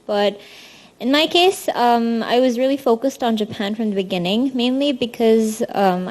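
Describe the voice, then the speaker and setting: A woman's voice: on the high side, a little mellow. Young Indian-born woman giving a student talk. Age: young adult. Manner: casual, frequent ums, friendly. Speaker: student presenter. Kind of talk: presentation talk.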